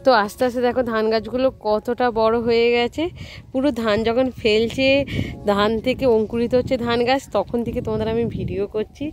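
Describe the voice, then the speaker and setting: A woman's voice: on the high side, steady tone, a little fast, darkish tone, faint music behind. A woman with a Bengali accent chatting casually to viewers in a daily vlog, recorded outdoors on a phone. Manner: chatty, talks to viewers and coaxes her child. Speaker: vlogger. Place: outdoors by fields, then at home.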